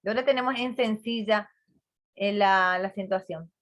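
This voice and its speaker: A woman's voice: mid-range voice, unhurried. A woman teacher giving an online class on a video call, chatty, repeating words and quizzing her students.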